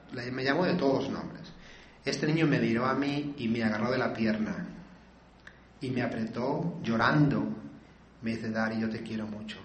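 A man's voice: mid-range voice, echoey room, a little hiss or hum. A man giving a personal testimony in an earnest, confessional way, retelling what others said to him. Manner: earnest, confessional storytelling with acted quotes. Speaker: speaker sharing his recovery story.

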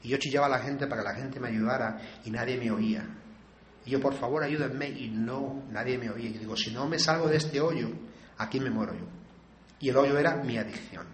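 A man's voice: mid-range voice, a little fast, reverberant, a little hiss or hum. Earnest man telling his own story. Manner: earnest, confessional storytelling with acted quotes. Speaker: speaker sharing his recovery story. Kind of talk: personal testimony.

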